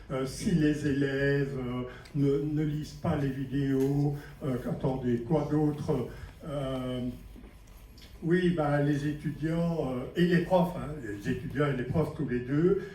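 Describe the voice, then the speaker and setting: A Belgian man with a mellow, medium-pitched voice lectures teachers at a conference. Chatty and self-mocking, he regularly asks the audience questions. The recording sounds distant and echoey, with faint noise in the hall.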